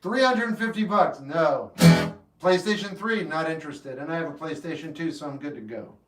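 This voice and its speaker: A man in his fifties hosting a livestream, chatting casually with viewers in a relaxed, rambling way that turns earnest when he gives advice. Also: fairly high pitch, moderate pace. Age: 50s. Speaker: livestream host. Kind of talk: casual chat answering live chat. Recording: roomy echo, mic at a distance, faint guitar music.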